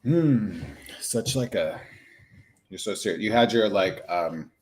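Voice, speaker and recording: A male clinician and advocate in a casual live-stream chat, talking in a lively, rambling way with lots of asides. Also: on the low side, slow pace, a little hiss or hum. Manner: chatty, animated, lots of "like" asides.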